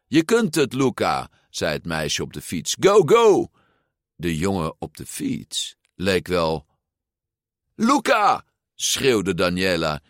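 A man reading a children's storybook aloud in a measured, expressive way. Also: low-pitched, no room sound, clean studio sound. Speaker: narrator.

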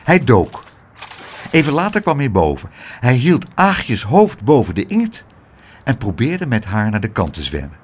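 A man reading a children's story aloud in a lively, expressive way. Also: mid-range voice, a little slow, a little hiss or hum. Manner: animated, expressive.

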